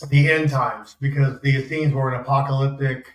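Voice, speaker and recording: A man co-hosting a show, explaining things casually in a halting, careful way. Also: medium pitch, fairly even intonation. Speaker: show co-host. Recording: echoey room.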